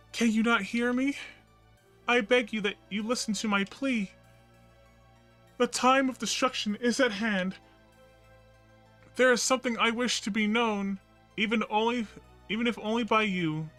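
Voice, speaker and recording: A man's voice: high-pitched, steady tone, unhurried, pauses often, pushed and bright, soft background music, pitched above the performer's own voice. A man voicing a solemn female guardian spirit of a tree, speaking in a grave, formal and pleading way in a game.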